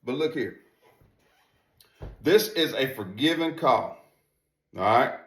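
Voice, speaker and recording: Taking it slowly, a medium-pitched male voice with lively intonation walks through a duck-call review. He's informal and folksy, stressing and repeating his lines, and the audio carries a roomy echo.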